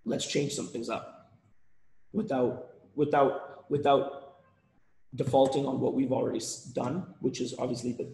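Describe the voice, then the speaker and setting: A man's voice: medium pitch, flat delivery, a little slow, vocal fry, a little mellow. Rambling man with a tiring voice, echoey. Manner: rambling, with frequent restarts and repeated words. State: losing his voice. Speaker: webinar presenter. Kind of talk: casual live webinar talk. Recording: roomy echoey sound.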